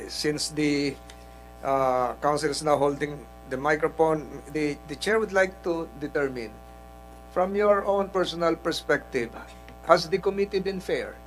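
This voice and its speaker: A man's voice: a little high, low-quality recording. A Filipino man chairing a hearing committee, speaking formally and politely, with frequent hesitations.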